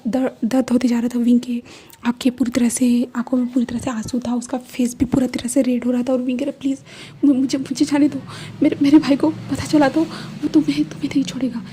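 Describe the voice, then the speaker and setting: A woman narrating a fan fiction story in Hindi-English, in a soft, often whispered voice. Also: a little high, husky.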